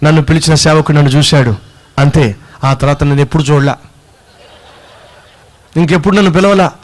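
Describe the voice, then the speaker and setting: Brief: male preacher, high-pitched, forceful sermon delivery with rhetorical questions. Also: brisk.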